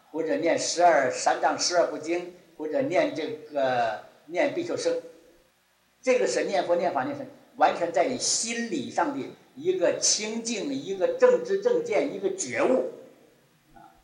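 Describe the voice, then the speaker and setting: A man's voice: a little high, unhurried, reverberant, rough recording. A man giving a Buddhist dharma talk, repeating key phrases as his voice rises and drops sharply. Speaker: Buddhist teacher.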